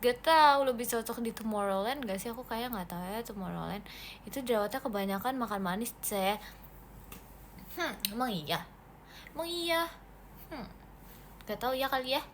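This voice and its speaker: A woman's voice: fairly high pitch, lively intonation, moderate pace, long pauses, slight background noise. A woman livestreaming to fans in a casual, playful chat, reading comments aloud and mixing in English words.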